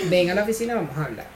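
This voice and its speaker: Agreeing woman in an echoey room. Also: lowish voice. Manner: agreeing listener, short replies. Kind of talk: casual chat. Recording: echoey room, crowd behind.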